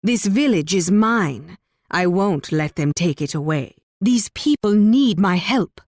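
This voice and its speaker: An actress playing a proud, flirtatious Spanish warrior queen in a video game, with a regal, teasing and measured delivery. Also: fairly low pitch, animated, darkish tone, dry recording, studio quality. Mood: proud, resolute.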